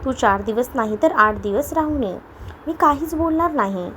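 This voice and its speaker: A woman voicing a devoted young husband in a read-aloud audio story, speaking softly with pleading, soothing tones. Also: very high voice, lively intonation, normal speed, a little hiss or hum, full character voice. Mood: tender. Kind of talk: Marathi audio story reading.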